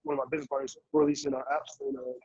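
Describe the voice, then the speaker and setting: A man on a glitchy video call that cuts in and out, giving a halting class update and checking whether he can be heard. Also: fairly high pitch, very animated, creaky, a little mellow, dull audio. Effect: glitchy, laggy video call audio cutting in and out. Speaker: student presenting in a class session. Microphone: video call, walking around with a phone.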